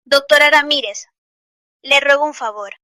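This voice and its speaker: A woman voicing a desperate middle-aged mother who pleads and then loudly accuses a doctor, in a Spanish drama dub. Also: high-pitched, moderate pace, no room sound, studio quality. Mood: pleading.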